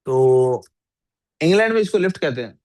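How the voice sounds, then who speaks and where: A man's voice: medium pitch, big pitch swings, normal speed, a little mellow, no room sound. A male teacher giving a classroom lecture and often asking his students questions. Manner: asks the class frequent questions, scolds sleepy students.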